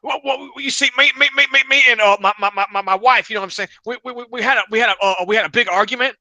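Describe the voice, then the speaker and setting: A man's voice: very high-pitched, racing, bright, forceful tone, dry recording, full character voice. A man voicing a rambling, stammering middle-aged caller with a who keeps repeating his words. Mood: frantic, rambling. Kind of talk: comic impression in a podcast story.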